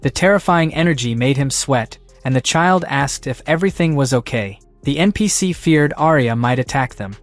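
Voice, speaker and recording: A man narrating a comic story recap in a steady, even storytelling voice. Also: medium pitch, normal speed, few pauses, no echo, soft background music. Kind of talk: scripted narration.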